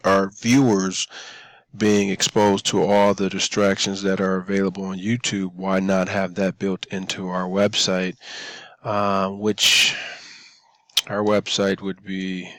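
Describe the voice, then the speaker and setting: Slow low man narrating a screen recording. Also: monotone, a bit bright, no room sound. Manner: halting, many ums and restarts. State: talking over his own screen recording. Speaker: student.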